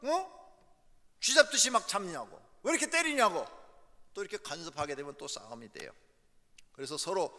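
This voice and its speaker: Emphatic bright-voiced male pastor preaching. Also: a little high. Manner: emphatic, repeats key words. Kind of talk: sermon. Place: church sanctuary. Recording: echoey church hall.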